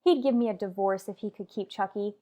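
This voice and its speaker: With a medium-pitched, dark, natural voice and a slightly fast delivery, a woman acts in a radio soap opera. Her character, a headstrong married mother, gives her rival a blunt, emphatic talking-to, firm and plainly exasperated.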